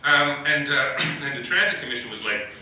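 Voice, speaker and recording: This stand-up set comes from a man in a small club without an audience, who rambles, fills pauses with "uh" and chuckles at his own material. His medium-pitched, sharp voice at moderate pace sounds lo-fi, echoey and faintly noisy, with the mic at a distance.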